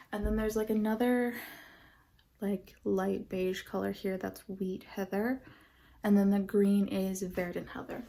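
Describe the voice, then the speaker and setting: A woman with a mid-range, slightly mellow voice vlogs casually about her knitting, rambling with plenty of fillers and sounding stuffy from a runny nose. It's relaxed show-and-tell chat, recorded on a distant mic with slight background noise.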